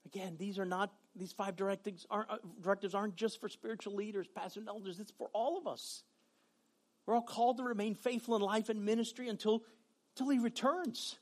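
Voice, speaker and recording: A male pastor with a Southern US accent delivers a sermon in a strikingly high voice. He builds to fervent shouts, then drops to hushed, earnest speech. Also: steady tone, quick pace. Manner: impassioned preaching, swinging between shouts and quiet low talk.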